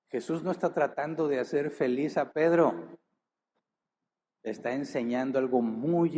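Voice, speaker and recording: A man preaches in a mid-range, slightly mellow voice against slight background noise. He reads a scripture passage aloud, then earnestly presses the audience with many rhetorical questions, drawing out the key words.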